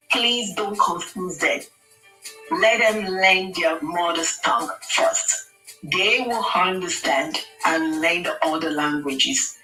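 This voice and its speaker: As a guest in a radio studio, a Nigerian woman gives impassioned, earnest advice on air, pleading in a preacherly style. Her low-pitched voice is pushed and bright, but the distant mic makes the low-quality recording sound reverberant.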